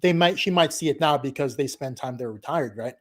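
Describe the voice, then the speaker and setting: Speaking fairly quickly in a mid-range voice, a middle-aged Filipino-family man who consults in digital marketing makes emphatic, lively points on a live business stream. He laughs often and keeps tacking on "okay?" and "right?"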